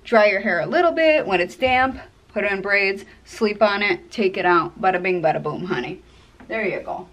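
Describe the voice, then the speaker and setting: A woman's voice: mid-range voice, lively intonation, normal speed, a bit bright. Woman, 30s, casual vlogger at arm's length; chatty, exasperated storyteller, light ambient noise. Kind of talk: casual vlog talk to camera. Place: outdoors and at home, varied. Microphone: phone camera held at arm's length.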